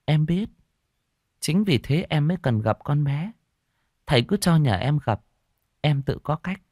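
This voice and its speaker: Man doing a calm, knowing village wise woman. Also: on the high side, measured pace, dry recording, studio quality, voice pushed up. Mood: persuasive, polite. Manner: soothing, polite, knowing.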